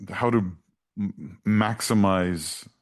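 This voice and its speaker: A man analyzing a football match in casual broadcast chat with many fillers. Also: sits low. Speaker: sports analyst. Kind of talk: broadcast commentary.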